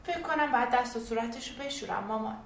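A woman's voice: fairly high pitch, lively intonation, gravelly. A woman voicing a young girl who is afraid of bedtime in a storybook reading, speaking in a pleading, evasive way. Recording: echoey room, distant, faint music.

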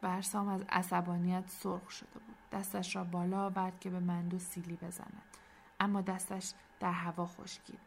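A woman narrating a storybook in an expressive, clear storytelling manner. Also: lowish voice, a little hiss or hum.

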